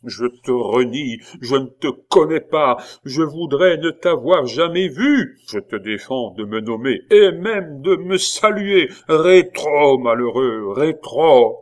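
Brief: scolding elderly priest-tutor, storybook reading, pitched-up loud outbursts, read by a man. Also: expressive, slow pace. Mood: irate. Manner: scolding, shouting, Latin tags. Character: irate elderly male priest schoolmaster.

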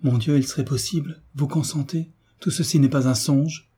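A man's voice: on the high side, steady tone, normal speed, dark tone, husky, pitched above the performer's own voice. A man voicing a fragile young woman. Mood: disbelieving. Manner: trembling, disbelieving.

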